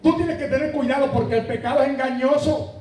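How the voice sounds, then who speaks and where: A man's voice: very high-pitched, steady tone, a little fast, darkish tone. A man with a Puerto Rican accent preaching a sermon, asking the congregation questions and telling anecdotes. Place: church sanctuary. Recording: echoey church from far off.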